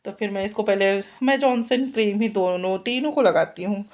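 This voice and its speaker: A woman's voice: mid-range voice, normal speed, darkish tone. Chatty mother vlogging at home. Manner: chatty, laughs often. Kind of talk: casual home vlog chat. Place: home, getting children ready.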